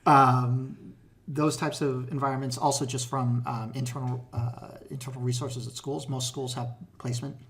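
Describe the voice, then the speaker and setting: Speaking at a moderate pace in a medium-pitched voice, a middle-aged man with a Boston accent shares advice as a tech hiring manager. The interview is relaxed and casual, with many fillers and restarts.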